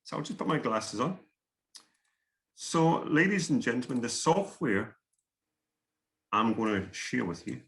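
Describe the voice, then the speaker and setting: There are long pauses and some vocal fry as this middle-aged Scottish guest speaker, with a Scottish accent, gives an online workshop talk over video call. He speaks a little slowly with lively intonation and a medium-pitched, fairly bright voice, earnest and prone to repeating himself.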